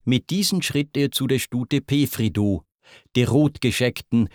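A man reciting epic verse as narrator, with a measured, deliberate delivery. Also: mid-range voice, a little mellow, no room sound, studio quality.

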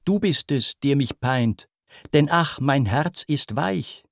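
A man's voice: mid-range voice, animated, slow, gravelly, dry recording, clean studio sound. A man voicing a young woman from myth, coy and pleading in a raised, imploring voice. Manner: raised, imploring, sighing delivery.

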